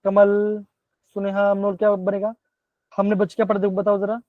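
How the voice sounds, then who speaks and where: A man's voice: high voice, completely flat delivery, normal speed, no echo. Male chem teacher on an online class, keeps asking kids to answer, words, muffled dull stream, dry sound. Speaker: chemistry teacher.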